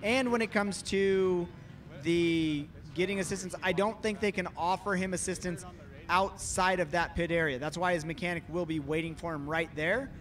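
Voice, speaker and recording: A man's voice: high-pitched, steady tone, moderate pace, a bit bright. A man giving live race commentary, analyzing and speculating as he explains. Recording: noisy outdoor race broadcast.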